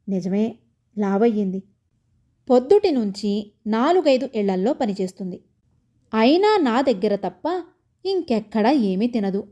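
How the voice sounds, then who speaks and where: A woman with a fairly high, mellow voice narrates a comic household story in the first person. Her delivery is lively and chatty, with plenty of playful humor.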